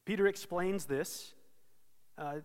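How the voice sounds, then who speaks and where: A man preaching an expository sermon, earnest and steady, pausing to correct himself now and then. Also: sits high, big-room sound. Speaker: pastor.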